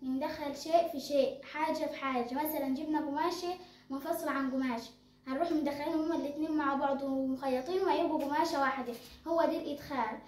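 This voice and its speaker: A woman's voice: high-pitched, steady tone, quick pace, darkish tone, roomy sound. A young girl with an Egyptian accent explaining tajweed rules as a teacher, asking and answering her own questions. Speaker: Quran recitation teacher.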